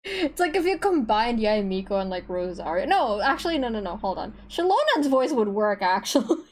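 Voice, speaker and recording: A woman's voice: on the high side, sing-song, moderate pace, darkish tone. A young woman casually hosting and directing a group voice reading, chatty and laughing. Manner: chatty, laughing, says bro. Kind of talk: casual chat.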